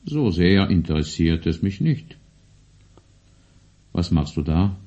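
A man's voice: low-pitched, very animated, dark tone, lo-fi sound, exaggerated voice. An actor playing a nervous, prying man who keeps asking questions and gets worked up in a radio play. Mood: curious. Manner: questioning, quick to get worked up.

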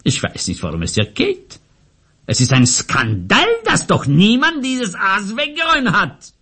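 Guy doing a stubborn mocking man who won't budge, slow husky drawl. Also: sits high, huge pitch swings, pushed and bright, exaggerated voice. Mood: indignant. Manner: mocking, drawn-out delivery. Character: stubborn sardonic man, rooted to one spot.

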